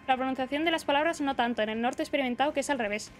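Here the Basque streamer talks fast in a high voice over heavy background noise. She's a young woman gaming and chatting in a loose, rambling way, reading out messages from chat as she goes.

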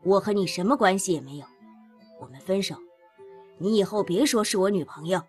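A woman's voice: mid-range voice, expressive, brisk, a little mellow, faint music behind, voice pushed down, lightly acted. A woman doing a bitter, furious young man. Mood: angry. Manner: harsh, clipped, then bitterly pleading. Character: angry young man breaking up, cold and exhausted.

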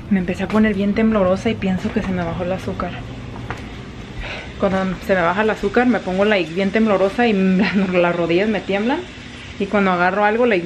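A woman's voice: mid-range voice, background noise. Thirties woman, Mexican accent, chatty home vlogger, laughs a lot, slips in English. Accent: Mexican Spanish. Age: 30s. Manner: chatty, mixes English phrases, laughs often. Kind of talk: casual vlog chat. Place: home kitchen while cooking.

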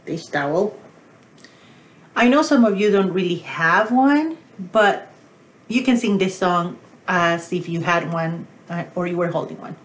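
A woman librarian leading a pre-recorded baby story time with songs and rhymes, talking in a slow, sing-song, encouraging way to toddlers and counting in Spanish now and then. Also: lowish voice. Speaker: children's librarian. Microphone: pre-recorded video.

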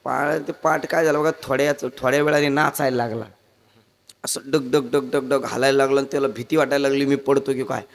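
A man's voice: a little fast, gravelly. A man telling a comic devotional story as a kirtan preacher, acting out the characters in raised voices. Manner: animated, acts out characters with raised pitch.

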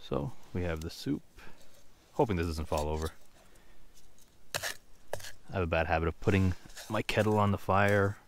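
A man's voice: low voice, a little slow, pauses often, slight background noise. A young man casually chatting to camera while cooking at a winter campsite in a snowy forest, offhand and thinking aloud as he goes. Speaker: outdoor vlogger.

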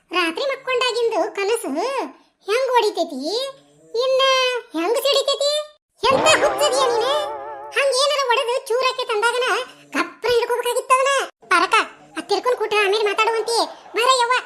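A woman's voice: very high voice, normal speed, background noise. A woman voicing a chatty, stingy older village woman in a cartoon comedy, speaking with a North Karnataka Kannada accent, bantering, laughing, and stammering when she is caught out. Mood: mocking.

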